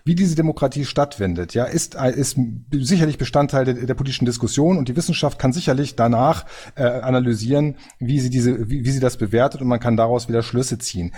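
Dark husky-voiced man debating. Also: medium pitch. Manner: earnest, lecturing, many restarts. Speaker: audience member in a panel discussion. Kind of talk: spontaneous debate statement.

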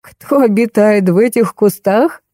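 A woman reading the lines of a grumpy middle-aged male police colonel in an audiobook, curt and gruff, with a mellow voice. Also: medium pitch, expressive, a little slow, no echo, clean studio sound, lightly acted.

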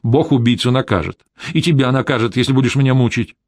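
A man's voice: mid-range voice, fast talker, no room sound, studio quality, natural voice. A man reading an audiobook, voicing a stubborn, secretive older woman housekeeper who grumbles and refuses curtly. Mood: stubborn, irritated.

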